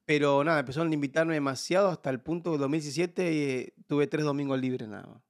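Animated Buenos Aires man telling stories. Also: a little high, fast. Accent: Buenos Aires Argentine Spanish. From Argentina. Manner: animated storyteller acting out quoted voices. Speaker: podcast guest. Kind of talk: casual interview chat.

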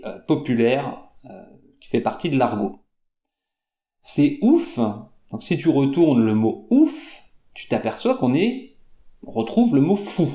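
A man teaching French, explaining slang slowly and patiently to learners, repeating examples and asking "d'accord?" with frequent fillers. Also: mid-range voice, a little mellow, echoey room.

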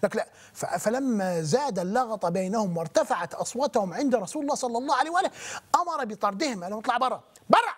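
A man with an Egyptian accent hosting a call-in religious talk show, talking fast and loud in an agitated way. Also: extremely high pitch. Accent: Egyptian Arabic. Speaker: talk show host taking calls.

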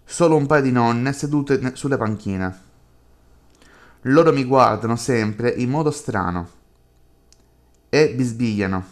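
A lonely young woman who has withdrawn from the world, as a man reads her lines in a slow, unhurried, subdued voice. The delivery stays flat and quiet, the way a game's dialogue is read aloud. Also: medium pitch, natural voice.

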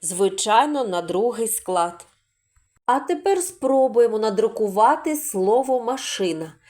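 A woman's voice: on the high side, animated, a little mellow. A woman teaching a literacy video lesson for preschool children, patiently sounding out words and asking the kids questions. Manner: patient, slow and singsong, stretching out sounds for children.

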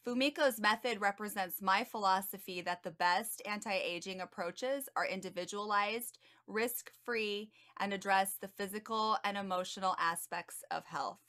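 A young adult woman hosting an interview on a video call from her home, speaking eagerly and clearly. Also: medium pitch, normal speed, hardly any pauses, bright, forceful tone. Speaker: host, social worker. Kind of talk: scripted introduction then interview.

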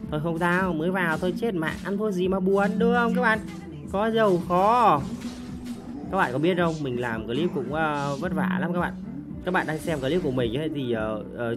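Hoarse, excitable woman commentating a game. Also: mid-range voice. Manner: excitable, loud exclamations and repeated cries. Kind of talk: casual mobile game commentary. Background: music.

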